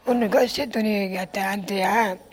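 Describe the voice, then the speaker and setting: A woman with an Algerian accent answers quickly, rambling and going over the same points. Her voice is husky and rough, with a rushed pace. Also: mid-range voice, fairly even intonation. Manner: rambling, repetitive. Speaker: interviewee. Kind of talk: casual answers in an interview.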